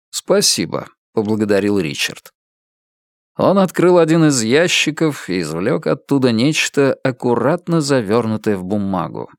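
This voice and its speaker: Expressive male audiobook narrator. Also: mid-range voice, no room sound, clean studio sound.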